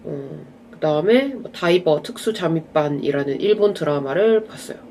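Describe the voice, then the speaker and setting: A young adult vlogger with a slight cold talks to camera about films and dramas in a stuffy, nasal voice of medium pitch and moderate pace. The chat is relaxed and rambling, drifting into asides, with a little hiss or hum in the audio.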